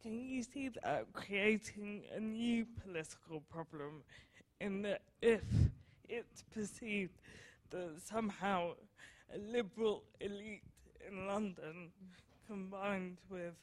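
A man with a notably high voice asks a question from a debate audience. He speaks slowly, phrasing it carefully and tentatively. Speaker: audience member asking a question.

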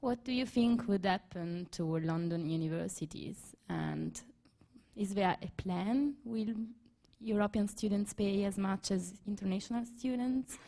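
Mellow young Italian-accented woman. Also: medium pitch, unhurried. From Italy. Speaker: audience member, student journalist. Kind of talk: asking questions at a public debate.

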